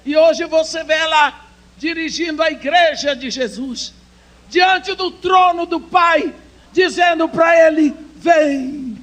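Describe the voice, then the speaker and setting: A native English-speaking woman delivers a passionate sermon at a women's church conference, her high voice swinging from loud proclamation to hushed storytelling.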